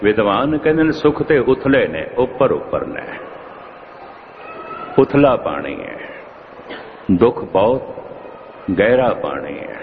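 A man preaching a religious discourse at an unhurried, deliberate pace, circling back to repeat his key phrases for weight. His voice sits in a middle register. The sound is thin and phone-like, with a faint hiss underneath. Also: medium pitch, lively intonation. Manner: measured, repeats phrases for emphasis. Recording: tinny phone-like lo-fi audio with faint noise.

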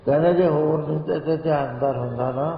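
A man giving a spiritual sermon, slipping into slow sung lines as he explains. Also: on the high side, vocal fry. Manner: slow chanting of sacred lines within speech. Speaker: Sikh preacher. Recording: echoey hall, muffled lo-fi sound.

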